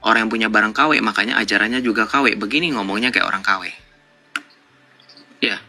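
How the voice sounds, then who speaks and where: Sharp-voiced man mocking and lecturing. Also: lowish voice, quick pace. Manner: mocking, lecturing, rhetorical questions. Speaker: live-stream debate host. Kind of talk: confrontational live debate with callers.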